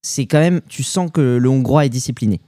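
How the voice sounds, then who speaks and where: A young man with a French accent chats casually on a podcast, swapping travel stories in loose, slangy talk full of fillers. His voice is mellow and relaxed at a middle pitch. The sound is dry and close, with no room around it. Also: a little fast, no echo. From France. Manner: animated storytelling with slang and fillers. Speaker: podcast co-host. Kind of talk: casual chat.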